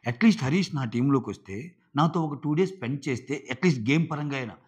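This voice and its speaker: A man's voice: medium pitch, animated, quick pace, darkish tone, breathy edge. A man reviewing a reality show in casual commentary, retelling conversations in paraphrase with many filler sounds.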